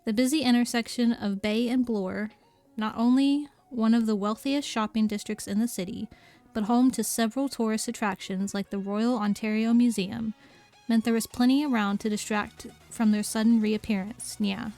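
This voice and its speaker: Streamer reading aloud, yeah after each line. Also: female voice, a little high, fairly even intonation, normal speed, mellow, faint music behind. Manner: adds "yeah" after nearly every sentence, giggly asides.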